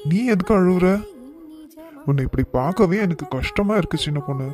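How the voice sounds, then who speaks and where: Man playing a caring young husband, cartoon, warm dark voice, coaxing tone. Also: fairly high pitch, a little fast, faint music behind, natural voice. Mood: comforting. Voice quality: tender, coaxing.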